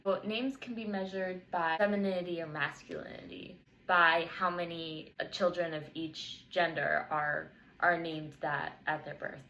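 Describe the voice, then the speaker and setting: A woman's voice: on the low side, steady tone, a little slow, bright, forceful tone, poor audio. A young woman, a student, interviewing a partner and carefully reading prepared questions and explanations from notes.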